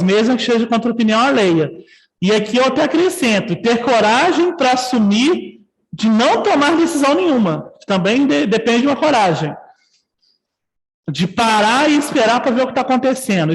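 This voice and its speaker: A man's voice: very high voice, expressive, brisk, big-room sound, poor audio. A man with a Brazilian Portuguese accent teaching a nursing ethics class online, talking conversationally and often checking in with his students.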